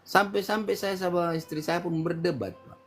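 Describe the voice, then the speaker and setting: A middle-aged man from Medan with a Medan accent, telling his testimony in a casual interview, his voice jumping up when excited. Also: sits high, moderate pace. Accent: Medan Indonesian. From Medan, Indonesia. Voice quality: animated storyteller, voice jumps up when excited. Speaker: guest giving testimony.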